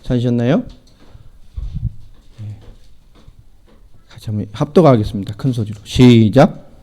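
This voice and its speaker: A middle-aged man preaching a sermon as pastor, asking the congregation questions and swinging between loud emphatic lines and low quiet asides. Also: unhurried.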